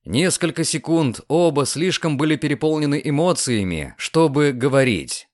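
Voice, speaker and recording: A man narrating an audiobook with expressive storytelling. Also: on the high side, moderate pace.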